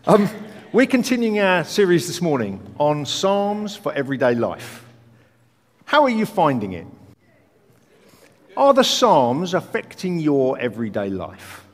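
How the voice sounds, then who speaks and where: A man preaching a sermon in a conversational, joking way with rhetorical questions, his voice a little croaky. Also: on the high side, sing-song, a little slow. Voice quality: slightly croaky morning voice. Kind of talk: sermon to a congregation. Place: large hall, speaking to a congregation. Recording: reverberant hall.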